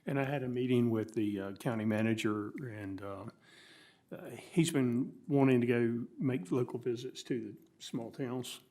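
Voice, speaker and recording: A man's voice: medium pitch, normal speed, warm tone. An American man speaking as the chair of a town council meeting, in an informal procedural style.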